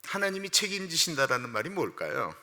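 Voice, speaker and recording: A male pastor preaching an earnest, emotional sermon that swells into loud, passionate outbursts. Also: fairly high pitch, big pitch swings, brisk. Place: church sanctuary. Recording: long hall reverb.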